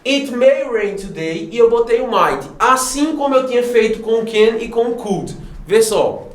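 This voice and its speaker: A Brazilian man teaching an English grammar lesson, animated and often checking in with his students. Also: very high voice, a little slow, roomy sound. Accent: Brazilian Portuguese. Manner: animated, addresses students directly with frequent checks. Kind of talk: classroom lesson explaining grammar.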